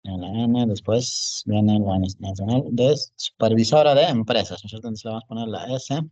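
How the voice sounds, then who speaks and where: A man's voice: on the low side, normal speed, a little mellow, no room sound. Male teacher, typing as he explains, always asking students if they follow, dry muffled recording. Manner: repeats "jóvenes" and "¿no es cierto?" often; talks while typing on screen. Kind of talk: online class lecture.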